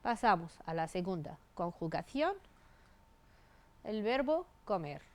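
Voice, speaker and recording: A woman's voice: lowish voice, sing-song, takes it slowly, a little mellow. A woman teaching Spanish grammar, reading out verb forms one by one and spelling out the endings. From Tunisia. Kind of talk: grammar lesson.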